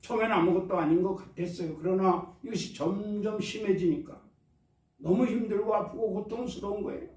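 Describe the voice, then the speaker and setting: A man's voice: high voice, a little fast, a little mellow. A man preaching a Sunday sermon as pastor, drawing responses from his congregation. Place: church sanctuary. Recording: echoey church hall, mic at a distance.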